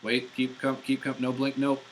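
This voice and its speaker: A man's voice: medium pitch, completely flat delivery, normal speed, slight background noise, rough recording. A man ranting profanely and in exasperation during a live-stream driving vlog, recorded in a car on a portable device's built-in mic. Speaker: vlogger.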